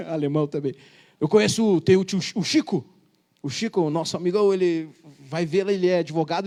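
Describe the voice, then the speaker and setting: A man's voice: fairly high pitch, dark tone. A man, a pastor telling a humorous testimony in church and acting out the voices. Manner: joking storyteller, acts out voices.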